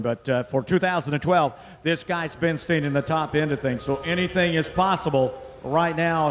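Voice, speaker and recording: A man works as a tractor pull announcer, calling the action in folksy, colloquial play-by-play. His fairly high voice rings out with a long echo over engine noise.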